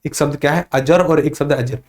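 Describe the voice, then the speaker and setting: High-voiced man teaching a Hindi class. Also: fairly even intonation, fast, darkish tone. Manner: repeats questions and answers them himself; addresses students as sir, reads out chat comments. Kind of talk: live online class.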